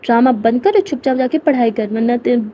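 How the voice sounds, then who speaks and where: A woman playing a loud scolding mother. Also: a little high, expressive, brisk, slight background noise, natural voice. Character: scolding middle-aged mother, sharp-tongued.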